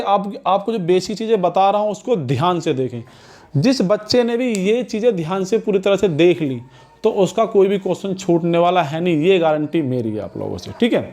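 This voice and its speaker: A man's voice: high-pitched, a little mellow. A man teaching an exam-prep math lesson, often asking the class a question and then answering it himself. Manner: repeats questions back to the students; checks understanding with "ठीक है" and "समझ में आया".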